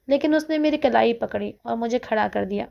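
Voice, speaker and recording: A woman reading a first-person story aloud in a steady, conversational way. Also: a little high, vocal fry. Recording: dull lo-fi recording.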